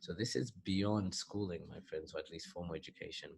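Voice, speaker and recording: A man's voice: low voice, brisk, creaky, slight background noise. A man from Zambia, a business and leadership coach giving an earnest recorded message of advice to young people, repeating words for emphasis. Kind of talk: recorded motivational message to youth.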